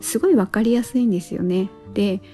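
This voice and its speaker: Woman podcast host, relaxed chatty solo talk, lots of little pauses, soft music low behind her. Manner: relaxed and chatty, thinks aloud with many pauses.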